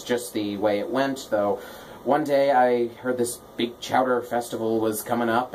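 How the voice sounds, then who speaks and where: Male radio host for offbeat, self-mocking patter; lively, swooping intonation, faint background noise. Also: mid-range voice, rough recording. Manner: playful, tongue-in-cheek, self-deprecating. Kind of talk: casual comic radio patter.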